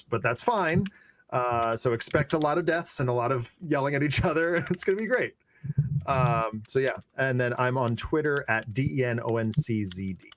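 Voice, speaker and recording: A man's voice: mid-range voice, a bit bright, dry recording. Easygoing male podcast co-host. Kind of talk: casual chat.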